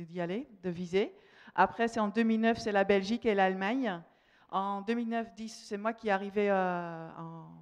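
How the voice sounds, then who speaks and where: A woman's voice: mid-range voice, a little mellow, smooth. A woman from the Netherlands with a Dutch accent, giving a conference presentation in a hesitant way, often repeating words mid-phrase. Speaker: company representative, conference speaker.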